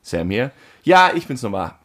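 Man, casual podcast chat, animated storyteller, acts out dialogue, mid-range voice. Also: mid-range voice, moderate pace. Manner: animated anecdote-telling, acts out quoted phone calls.

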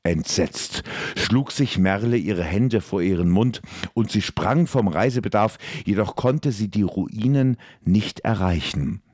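A man narrating a fantasy audiobook in a measured, dramatic way. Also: on the low side, expressive, darkish tone, no echo, studio quality.

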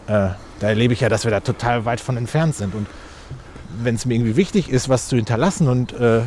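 A man's voice: mid-range voice, fairly quick, a little mellow, slight background noise. A man, answering interview questions outdoors with many fillers and restarts. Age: 40s. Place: outdoors on a street.

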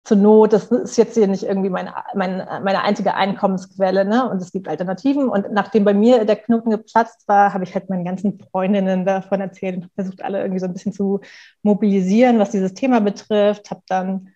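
A woman's voice: medium pitch, fairly even intonation, a little fast, dark tone, muffled recording. A woman in her thirties speaking candidly as an interview guest, thinking aloud in a reflective, conversational way. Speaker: interview guest, company co-founder. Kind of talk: casual interview talk.

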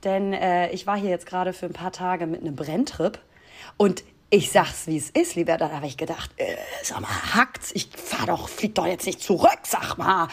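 A woman's voice: lowish voice, animated, moderate pace, breathy edge. Woman, from Hamburg, podcast co-host, casual chat, jokey, chatty, laughs a lot, holiday room. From Hamburg, Germany.

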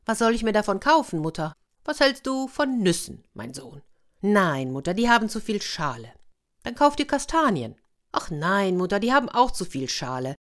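A woman voicing a cheeky, clever little boy in a fairy tale, playful and bright. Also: medium pitch, very animated, moderate pace, lightly acted.

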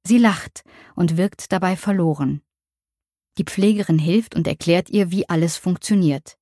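A woman narrating an audiobook in a calm, measured, reflective way. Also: on the low side, no echo, clean studio sound. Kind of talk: audiobook reading.

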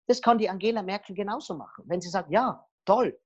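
Husky-voiced woman giving advice. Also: mid-range voice, a little fast, highs cut off. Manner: lively storytelling with acted quotes. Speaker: guest expert on body language. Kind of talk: podcast interview.

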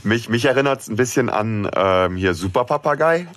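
A man's voice: lowish voice, lively intonation, normal speed, fairly bright tone. A man co-hosting a casual podcast chat, hesitant and full of fillers and restarts. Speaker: podcast co-host.

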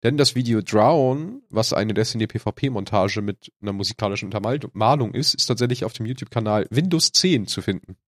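A man's voice: on the low side, animated, a little fast, hardly any pauses, no room sound, clean studio sound. A man with a snotty cold and a stuffy, nasal voice, casually hosting a podcast. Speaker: podcast host.

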